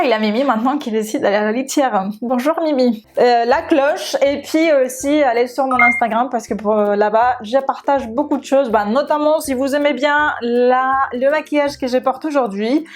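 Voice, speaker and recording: A young Spanish woman speaking French with a Spanish accent, chatting casually to camera in her vlog with many fillers. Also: high-pitched. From Spain. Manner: chatty, many fillers and restarts, laughs often. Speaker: makeup YouTuber.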